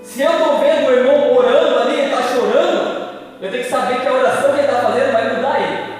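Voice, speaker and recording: A man's voice: very high-pitched, fast, soft background music. A man preaching with a Brazilian accent, speaking in a fervent, sing-song cadence to a congregation. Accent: Brazilian Portuguese. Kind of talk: church sermon. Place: large church hall. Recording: echoey hall from far off.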